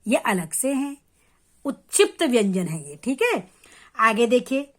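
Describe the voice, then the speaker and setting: A woman patiently teaches children a grammar lesson step by step, speaking to them directly. She slowly and clearly repeats sounds, sounding out letters to show how they're said. Her voice is a little high, with big pitch swings.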